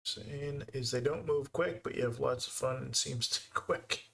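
A man's voice: mid-range voice, a little slow, creaky, a bit bright, breathy edge. A man with a Canadian accent giving easygoing live commentary while he plays a game and thinks aloud. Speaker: game streamer.

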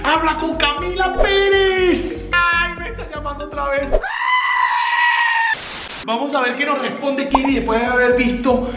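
A man filming a prank vlog, talking fast and nervously and repeating himself. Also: very high-pitched, steady tone, roomy sound, shouting, over loud music. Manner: anxious, jumpy, repeats "no, no, no". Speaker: vlogger pulling a prank.

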